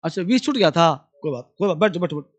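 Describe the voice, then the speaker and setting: A man teaching a class, repeating English sounds and pronouns with an Indian accent for students to copy and giving brisk instructions. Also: high-pitched, expressive. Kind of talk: classroom pronunciation drill.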